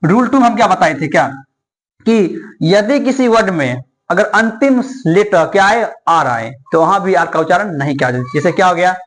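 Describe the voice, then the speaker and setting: Male English teacher, high voice, drills each rule by asking and answering his own questions. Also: animated, moderate pace. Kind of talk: classroom-style explanation.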